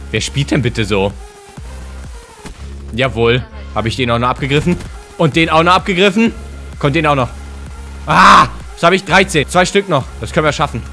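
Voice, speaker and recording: A man talking casually over his gameplay as a gaming YouTuber, his voice hoarse and strained, excitable and slangy. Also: medium pitch.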